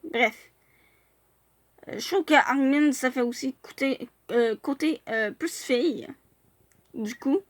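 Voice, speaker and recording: A woman's voice: high-pitched, takes it slowly, long pauses, no echo. A woman chatting casually in a vlog as she reviews fan profiles, hesitating often with filler sounds and restarts.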